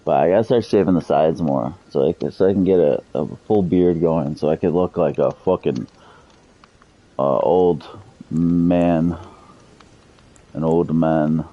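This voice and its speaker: A man's voice: a bass voice, measured pace, pauses often, muffled recording. A man in his thirties streaming a game, chatting loosely and cursing freely with his viewers. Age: 30s. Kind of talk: casual live-stream chat.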